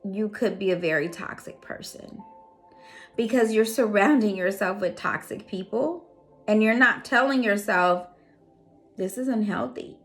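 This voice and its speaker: A woman's voice: mid-range voice, measured pace, fairly bright tone, soft background music. A woman who does readings, talking earnestly and casually to her audience, repeating phrases for emphasis. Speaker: psychic reader and host. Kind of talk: casual motivational talk.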